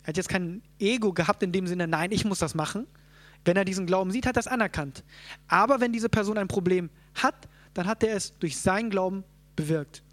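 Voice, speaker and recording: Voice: medium pitch, a little fast. A Bible teacher explaining scripture to a group, often checking in with "ja?" and thinking aloud with fillers and restarts. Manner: checks in with listeners, frequent "ja?".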